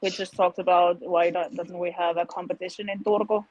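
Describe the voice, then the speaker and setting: A woman guest tells the story in a flat, even tone, with fillers and frequent small laughs. Her audio is dry and slightly dull, as if from a remote call. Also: on the low side, dry recording. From Finland. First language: Finnish. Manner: laughs often, halting with fillers. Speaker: competition founder, guest. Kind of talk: casual interview chat.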